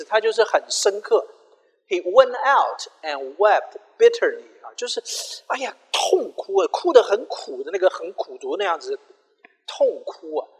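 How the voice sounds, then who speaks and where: A man's voice: sits high, husky, long reverb tail. A man preaching a sermon, retelling scripture with quoted dialogue and mixing in English phrases. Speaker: pastor.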